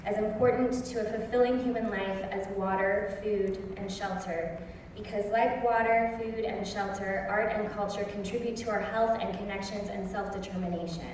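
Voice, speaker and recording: A woman delivers an earnest, prepared festival speech, leaning hard on key words. Her mid-pitched voice is recorded from far away and rings through a big hall with a long tail of reverb. The recording carries clear noise. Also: steady tone, moderate pace, a little mellow. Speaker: festival host. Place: large theatre stage.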